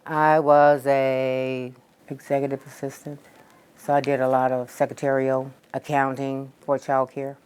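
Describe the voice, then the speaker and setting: A woman's voice: rumbling low, little pitch movement, unhurried, a little mellow, clean tone. An older woman, a retired police officer, recounting her recruitment plainly in a documentary interview.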